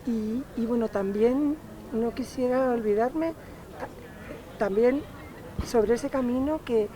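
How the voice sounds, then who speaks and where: A woman's voice: a little high, slow, mellow. A woman interviewing, searching for her words with many restarts. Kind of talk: interview questions.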